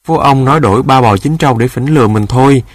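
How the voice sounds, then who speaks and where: A man's voice: medium pitch, quick pace, no room sound, clean studio sound, natural voice. Man doing a cocky twelve-year-old boy. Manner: boastful and friendly. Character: cheeky, proud boy of about twelve.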